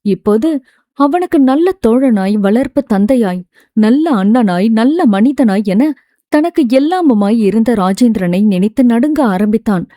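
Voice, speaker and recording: Woman, audiobook narrator, steady scripted narration, dry close sound. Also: a little high, a little slow, dry recording. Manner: steady storytelling delivery.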